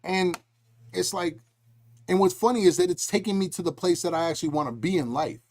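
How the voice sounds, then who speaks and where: A middle-aged man hosting a podcast in casual talk, telling lively stories and acting out voices as he goes. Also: high-pitched, brisk. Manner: animated storytelling, acts out quoted voices. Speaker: podcast host.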